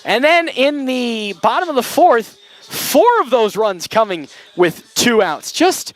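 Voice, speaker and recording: Excited, breathless high-voiced male broadcaster. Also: slow pace. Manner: excited, breathless, laughing often. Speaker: radio sports broadcaster. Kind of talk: live post-game commentary. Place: tent in a corner at an outdoor ballfield.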